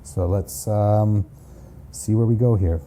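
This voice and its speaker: A man's voice: lowish voice, fairly even intonation, takes it slowly, warm tone, a little hiss or hum. A man narrating a solo board game campaign, counting dice aloud in a chatty, self-mocking way. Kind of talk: casual play-through narration.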